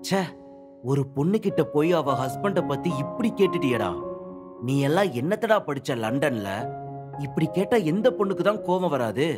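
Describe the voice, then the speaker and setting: Guy doing a soft-spoken troubled young man in an audiobook drama, quiet and sorry sounding, bit of music behind. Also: fairly high pitch, lively intonation, moderate pace, lightly acted. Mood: self-reproachful. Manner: gentle, apologetic, introspective. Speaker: male lead.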